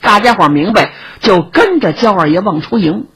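Raspy, lively woman storyteller. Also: mid-range voice, normal speed. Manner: dramatic, rhythmic, vivid. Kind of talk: traditional Chinese storytelling.

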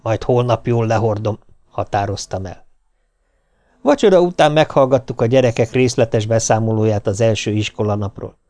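A man narrating an audiobook with a wry, lively storytelling manner. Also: on the low side, no echo. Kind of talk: audiobook reading.

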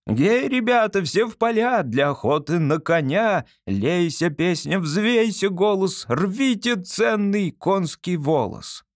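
Figure: self-righteous twelve-year-old pioneer boy played by a man. Pitch: raised well above a man's usual, lively and sing-song. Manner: lecturing, jargon-heavy. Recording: dry and close. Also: brisk, no echo. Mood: declaiming. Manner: lecturing, full of political jargon.

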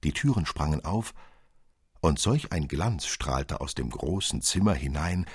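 Reading a literary fairy tale aloud, a male narrator uses a deep, husky voice and a storytelling style both measured and expressive. His voice is captured close-up and completely dry, without any room sound.

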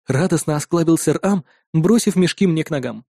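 A man narrating a first-person story in an expressive audiobook style, voicing the dialogue. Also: a little high, fairly quick, vocal fry, no echo, studio quality.

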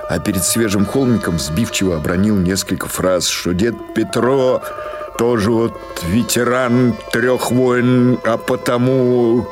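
Over background music, a man narrates literary prose in a scripted storytelling style. His mid-range voice stays steady and moves a little slowly.

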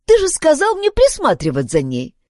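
A woman voicing a bossy, haughty young girl who speaks in a high, indignant voice in a storybook. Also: wildly swooping pitch, normal speed, dark tone, no echo, clean studio sound. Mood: stubborn.

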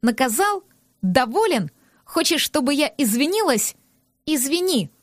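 A hot-tempered young woman snaps and shouts in a high, indignant voice, as a woman reading the audiobook puts her on. The sound is dry and close to the mic. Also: sing-song, unhurried, dry recording. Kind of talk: audiobook character voice.

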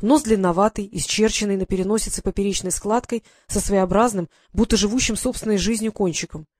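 An audiobook narrator reading a first-person historical story in a calm, measured way. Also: medium pitch, no room sound, clean studio sound. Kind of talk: scripted narration.

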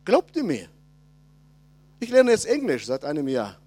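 A man in his sixties preaches with a high, lively voice that leaps between loud emphasis and soft asides. The sound is dry and close. He speaks straight to the congregation. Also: a little slow, husky, no room sound. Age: 60s. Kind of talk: conference sermon.

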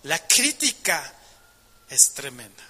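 High, bright-voiced man preaching. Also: big pitch swings, slow, breathy edge, long reverb tail. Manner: passionate, emphatic preaching with rhetorical questions. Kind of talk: sermon.

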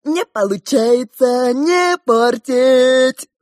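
A woman's voice: high voice, animated, very slow, a little mellow, no room sound, studio quality, pitched above the performer's own voice, full character voice. A woman voicing a cruel, grey-haired male fake clown who shrieks, whines and mocks in a theatrical way. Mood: gloating.

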